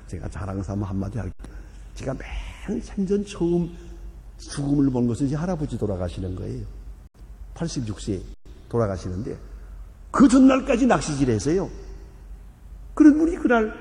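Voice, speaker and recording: An older man, a pastor, preaching and telling stories with sudden loud emphasis. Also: medium pitch, a little hiss or hum. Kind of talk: sermon. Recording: long reverb of a church hall.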